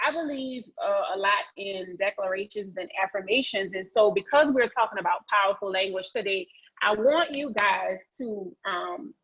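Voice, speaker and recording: A woman leads an interactive motivational training with a chatty, folksy manner. Her voice has a husky edge and sits at a middle pitch. It comes through a slightly dull video call. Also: fairly bright tone. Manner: chatty, folksy, encouraging audience participation. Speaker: real estate agent leading a training session.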